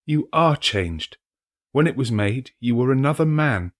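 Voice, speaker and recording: Man voicing a soft, sorrowful young woman, pitched up. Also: expressive, lightly acted. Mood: gentle reproach. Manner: measured, earnest. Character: gentle, sorrowful, resolute young woman releasing her betrothed. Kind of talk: dramatic audiobook reading.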